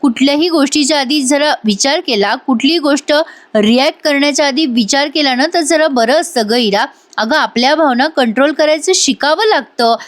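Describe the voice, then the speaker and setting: A wise, soft-spoken father who gives his daughter patient advice, read by a woman in her own high voice. Calm and caring, told in a story recap. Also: moderate pace, lightly acted. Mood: gentle. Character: gentle, wise middle-aged father.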